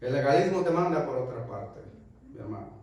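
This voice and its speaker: A man preaching as a pastor, swinging between loud, forceful peaks and hushed, intimate asides. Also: mid-range voice, expressive, brisk. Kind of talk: sermon. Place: church sanctuary. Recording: echoey church hall, mic far off.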